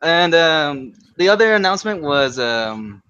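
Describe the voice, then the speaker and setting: A man in a casual gaming podcast, excitable and swearing freely. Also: a little high, unhurried, clear, resonant tone, muffled recording.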